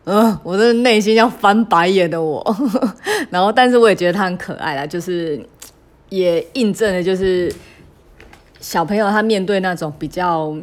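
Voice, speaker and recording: Lowish-voiced mother, halting and candid. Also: darkish tone. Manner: hesitant, halting, full of fillers and restarts; emotional and confessional, with laughs. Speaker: mother sharing a parenting story. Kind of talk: candid personal storytelling.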